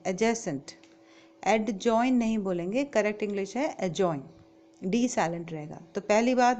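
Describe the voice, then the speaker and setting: A woman with an Indian accent teaches a grammar class. She says each point in English and then explains it again in Hindi, in the plain, steady voice of a classroom teacher. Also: mid-range voice.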